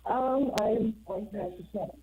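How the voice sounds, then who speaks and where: A woman's voice: on the high side, unhurried. Woman caller on a tinny speakerphone. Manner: hesitant, with fillers. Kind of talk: call-in radio talk. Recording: tinny phone line with faint noise.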